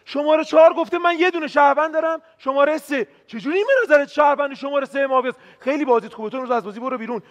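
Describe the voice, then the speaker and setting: High-voiced man arguing, dull roomy sound. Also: hardly any pauses. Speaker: game show contestant. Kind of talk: heated argument at a game table.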